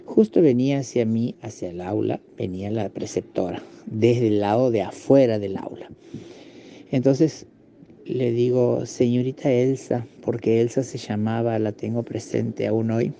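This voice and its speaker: A man in his fifties with an Argentine accent, recounting a personal memory in halting testimony with pauses and restarts. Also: medium pitch, steady tone, vocal fry, dark tone, a little hiss or hum. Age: 50s. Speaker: interviewee giving testimony.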